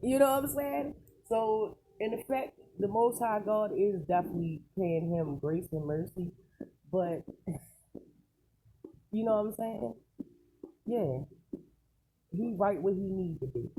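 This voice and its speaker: A dark-toned, mid-range voice moves at a measured pace with long pauses as an online celebrity news commentator offers casual, rambling takes. The style is emphatic and colloquial with frequent rhetorical questions, and the recording is clearly noisy with clicks.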